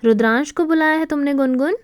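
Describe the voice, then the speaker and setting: A woman's voice: sits high, quick pace, dry recording, studio quality, close to an everyday voice. A woman voicing a caring, worried middle-aged mother-in-law who asks anxious questions. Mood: concerned.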